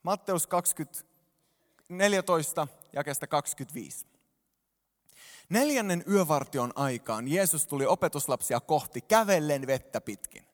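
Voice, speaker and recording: Male pastor, higher voice, animated sermon, church hall echo. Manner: animated, addresses congregation directly. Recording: long hall reverb.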